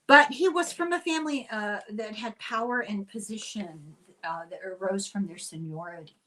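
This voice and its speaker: A woman's voice: medium pitch, normal speed, a bit bright, a little hiss or hum, poor audio. Older Irish woman, host of a casual explainer. Chatty and wry, prone to tangents. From Ireland. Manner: chatty, wry, digressive asides.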